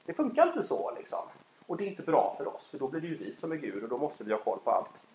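Animated man telling a faith story. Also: medium pitch, slight background noise. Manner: animated storytelling, acts out scenes. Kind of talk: faith talk with personal story. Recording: echoey room.

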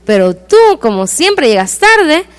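A stern storybook schoolteacher who scolds a late pupil, as a woman puts her on. Her voice is high and firm, with a warning tone. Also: big pitch swings, measured pace, clear, resonant tone.

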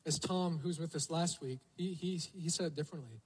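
A man's voice: on the high side, brisk, a little mellow, slightly rough, low-quality recording. A male pastor preaching a sermon, telling the story vividly and asking the congregation rhetorical questions.

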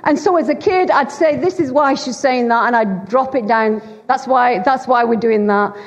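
In a church hall, a middle-aged woman from Bolton, England, preaches as a guest to the congregation in a Lancashire accent. Her pitch is fairly high and her pace moderate, and her sermon is chatty, teasing and self-deprecating. A long hall reverb leaves the recording sounding dull.

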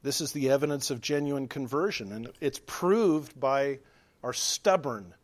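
A male pastor preaching a sermon, earnest, shifting between hushed lines and emphatic exhortation. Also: mid-range voice, measured pace.

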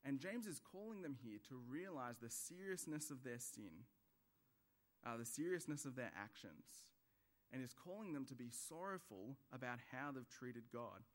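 A man's voice: medium pitch, animated, moderate pace. A man preaching in church, with a conversational sermon manner and acted everyday examples.

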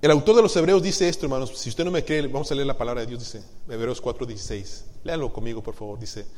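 A middle-aged man preaching as a pastor, swinging between hushed, confessional passages and loud, emphatic ones, often asking his congregation questions. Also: medium pitch, fast. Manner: asks the congregation rhetorical questions. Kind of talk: sermon. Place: church hall. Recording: long reverb in a church hall.

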